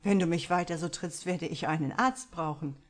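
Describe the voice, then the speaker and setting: A jovial, teasing man who cracks jokes at the dinner table, read by a woman in her own fairly low voice. He speaks brightly and playfully, in a storybook reading. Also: moderate pace, close to an everyday voice. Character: teasing joking man, a bridegroom-to-be. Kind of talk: audiobook dialogue reading.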